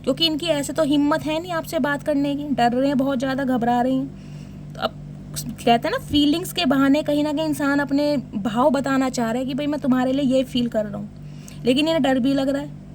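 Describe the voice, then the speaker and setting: A woman's voice: sits high, fairly quick, slight background noise. A woman giving a casual tarot reading, teasing and joking as she talks to her viewers. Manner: teasing, jokey commentary addressing viewers. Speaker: tarot reader.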